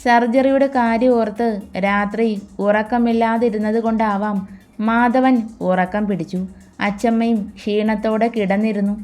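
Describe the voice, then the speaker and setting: A woman's voice: fairly high pitch, warm tone. Woman narrating a romance story. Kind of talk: scripted narration of a romance audiobook.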